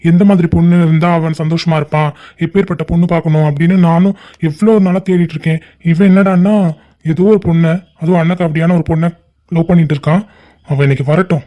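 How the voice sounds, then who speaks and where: A man's voice: on the high side, steady tone, quick pace, lo-fi sound, close to an everyday voice. A man voicing a stern, scolding cartoon father. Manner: scolding, commanding. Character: stern angry middle-aged father. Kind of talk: cartoon family drama voicing.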